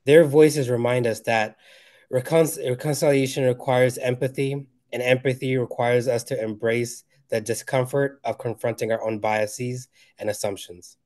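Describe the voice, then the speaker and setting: A man's voice: medium pitch, darkish tone. Man reading formal webinar welcome. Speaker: webinar co-organizer. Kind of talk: read welcome remarks. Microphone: video call.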